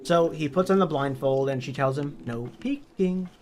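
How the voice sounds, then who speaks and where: A hoarse man reading a story aloud in a plain, steady narrating voice. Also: fairly high pitch, a little fast, a little hiss or hum. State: hoarse from illness.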